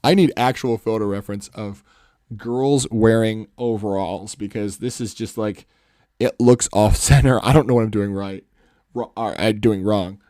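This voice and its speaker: The livestream host's voice is lowish and dark, with fairly even intonation and a moderate pace. As he sketches, he chats casually with viewers, rambling and self-correcting in a commanding, salesman-like manner. He is close-miked and there's no echo.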